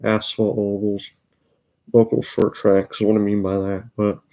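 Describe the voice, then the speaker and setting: A man's voice: lowish voice, little pitch movement, measured pace, dark tone. A teenage boy with an Upper Midwest American accent hosts a casual vlog about short-track racing. He rambles loosely, stops himself mid-sentence, and leans on "like" and "um". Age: teens. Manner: rambling, loose, many filler words, self-interrupting. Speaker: racing channel host.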